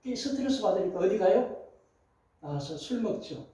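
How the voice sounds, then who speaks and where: A man's voice: high voice, normal speed. Older man preaching in an echoey church. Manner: animated preaching with acted quotes, shifting loud and soft. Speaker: pastor. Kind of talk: sermon. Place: large church sanctuary. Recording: roomy echo, voice from far off.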